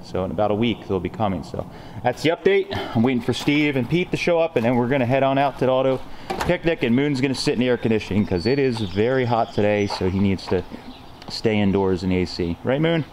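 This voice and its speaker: A man's voice: mid-range voice, lively intonation, quick pace, darkish tone, slight background noise. A man in his thirties from Pennsylvania, hosting a casual garage vlog and giving a rambling, easygoing update with plenty of fillers, filmed at arm's length in a large cluttered car shop. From Pennsylvania, USA. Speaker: garage owner and vlog host. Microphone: camera at arm's length.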